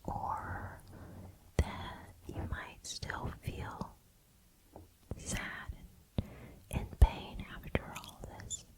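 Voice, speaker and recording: Woman doing a whispered asmr pep talk, real slow and gentle, right up on the mic. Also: rough recording. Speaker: ASMR host. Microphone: close ASMR microphone.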